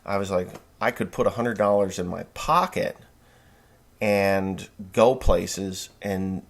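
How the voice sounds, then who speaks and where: Speaking slowly in a low voice, a New Jersey podcast host in his forties gives a blunt, folksy, rambling monologue. Fillers and restarts come up often.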